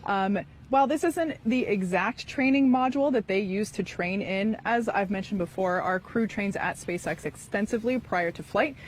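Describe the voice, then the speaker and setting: A woman with a medium-pitched voice gives live broadcast commentary. She explains in a conversational way over faint ambient noise. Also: normal speed, hardly any pauses.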